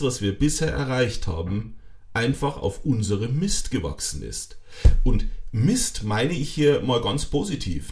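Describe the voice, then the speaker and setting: A man narrating a self-help audiobook in a scripted, emphatic way, speaking straight to the listener and dropping wry asides. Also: mid-range voice. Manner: lively, strongly varied intonation.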